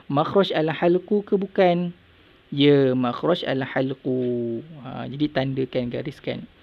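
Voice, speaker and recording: A man's voice: mid-range voice, vocal fry, muffled recording. A Malaysian man teaching a televised Quran recitation lesson for schoolchildren, explaining each step patiently and repeating himself. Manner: melodic Quranic chanting.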